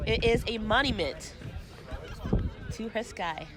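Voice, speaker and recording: A woman's voice: on the high side, slow. A woman doing playful, teasing color commentary at an outdoor game. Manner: playful teasing, laughs often. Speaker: sports commentator. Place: outdoors at a sports field. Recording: loud outdoor crowd. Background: crowd noise.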